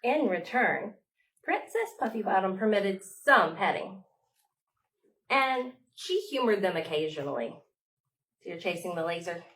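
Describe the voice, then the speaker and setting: A woman leading a storytime for young children, reading aloud expressively with dramatic pauses, like a children's librarian. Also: mid-range voice, animated, a bit bright, rough recording.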